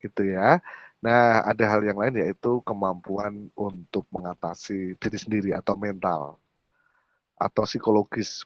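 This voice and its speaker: A man with a Javanese accent leads an online public speaking lesson, his voice sitting fairly low. He talks in a lively way and slips into Javanese asides. The call audio is dull and muffled, with a dry, close sound. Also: measured pace, no echo. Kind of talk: online workshop talk. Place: home or office, video call.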